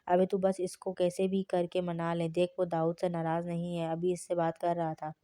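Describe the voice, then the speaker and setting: A cheeky, brash young woman who talks in street slang, as a woman reading a novel puts her on. The voice sits low and flat with a mellow tone. It is a storybook reading. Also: no echo, clean studio sound, close to an everyday voice. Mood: teasing.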